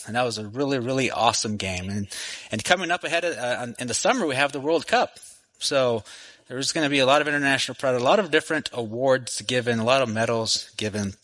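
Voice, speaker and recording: A man's voice: mid-range voice, bright, forceful tone, poor audio. A man in his forties from Texas, preaching a sermon to a church congregation in a friendly, conversational way with many restarts. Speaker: guest preacher. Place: church sanctuary. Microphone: microphone.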